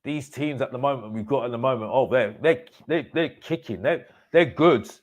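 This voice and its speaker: A man with a mid-range voice runs a live football fan reaction show, voicing casual opinions with emphasis. He repeats phrases for effect and his sentences often come out halting and broken up.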